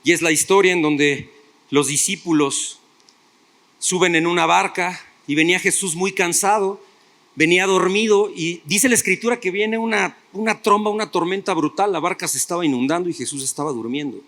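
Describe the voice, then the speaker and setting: A man's voice: high voice, moderate pace, a bit bright. A male pastor preaching a sermon, retelling stories and putting rhetorical questions to his listeners.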